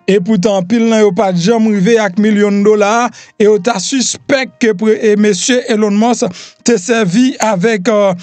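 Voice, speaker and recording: A man's voice: high voice, darkish tone, dry recording. A Haitian man hosting a news rundown, reading headlines loosely with frequent fillers. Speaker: news host.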